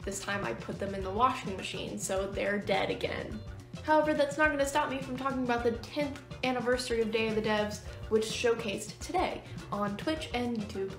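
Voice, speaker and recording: A woman's voice: on the high side, brisk, roomy sound, over music. A woman chatting to viewers about games in a casual vlog, her clip played through a speaker and re-recorded. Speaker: gaming video creator.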